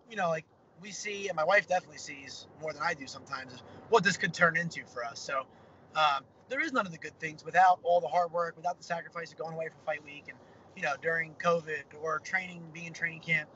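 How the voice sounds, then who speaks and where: A slightly high, bright and forceful voice belongs to a young man interviewed as a fighter on a phone-camera video call. He rambles in an upbeat way with many fillers, parked in his car, and the audio is a bit dull with the car's faint hum in the background.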